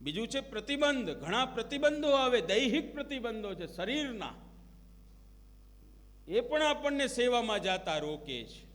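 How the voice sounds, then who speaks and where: High-pitched man preaching in a reverberant hall. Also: big pitch swings, unhurried, fairly bright tone. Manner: storytelling, acts out quoted prayers and dialogue. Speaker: religious preacher. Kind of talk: devotional discourse.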